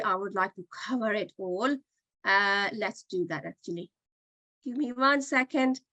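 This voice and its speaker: A woman's voice: on the high side, pushed and bright, no room sound, rough recording. A woman teaching a Qur'an reading class online, patiently explaining and sounding out letters again and again. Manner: patient, demonstrates sounds by repeating them.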